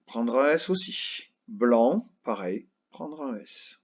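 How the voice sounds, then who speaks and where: Husky man teaching children patiently. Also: mid-range voice, expressive, dull audio. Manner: slow, patient, spells words out letter by letter. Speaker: primary school teacher. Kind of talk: recorded grammar lesson for children.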